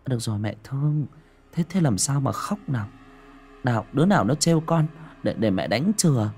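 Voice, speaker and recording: A man voicing a young mother who gently coaxes and soothes her crying child. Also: mid-range voice, expressive, brisk, husky, voice pushed up. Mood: coaxing. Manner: gentle, coaxing, repeating words.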